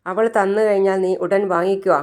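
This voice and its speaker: A woman's voice: medium pitch, level tone, fairly quick, natural voice. A woman voicing a harsh, scolding old grandmother in a storybook tale. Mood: angry scolding. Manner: sharp, scolding.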